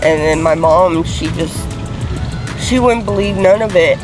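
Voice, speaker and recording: A woman in her forties from Florida, speaking frankly in a street interview with halting restarts. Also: on the low side, over music. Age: 40s. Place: outdoors on a city street.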